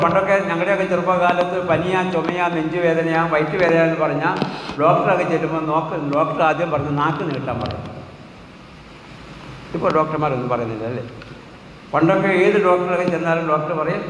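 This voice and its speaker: A priest preaches in a fairly high voice, firing questions at his listeners and pressing them for answers. His voice rings through a large, very echoey church hall with a long reverb tail. Faint background noise sits under the speech. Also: quick pace, a bit bright. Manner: rhetorical, asks congregation questions. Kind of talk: sermon.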